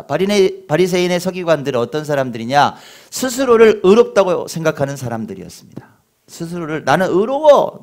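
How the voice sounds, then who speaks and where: Animated middle-aged male pastor preaching. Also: a little high. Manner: animated, acts out scolding parents in a shouting voice; talks to the congregation with questions and self-deprecating humor. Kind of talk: sermon.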